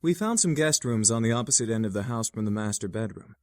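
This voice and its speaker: An actor voicing a polite, composed, protective young gentleman in a video game. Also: lowish voice, lively intonation, quick pace, dry recording, studio quality, close to an everyday voice. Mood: courteous, reassuring.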